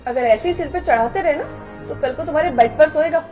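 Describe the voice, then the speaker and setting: A woman's voice: fast, darkish tone, soft background music, lightly acted. A woman acting a snobbish young woman who scolds and looks down on poor people in a melodramatic skit. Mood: scornful. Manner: scolding, contemptuous, shrill outbursts. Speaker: actor in a short skit.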